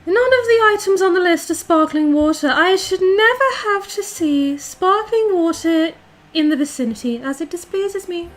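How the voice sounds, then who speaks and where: Playing a character for her viewers, a woman voices a lofty British duchess who dubs herself Duchess, a domineering, bossy girlfriend type. Her pitch is very high and girlish; she reads chat and replies with pompous condescension, barking commands as though to servants and hitting words hard.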